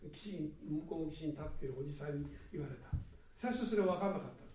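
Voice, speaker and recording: A man preaching a sermon earnestly, swinging between loud and hushed delivery. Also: on the high side, quick pace, a little hiss or hum. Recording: echoey hall, mic at a distance.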